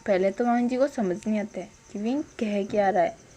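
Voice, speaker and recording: A woman's voice: mid-range voice, normal speed, mellow. A woman casually retelling a story in a chatty way, often addressing her listeners directly.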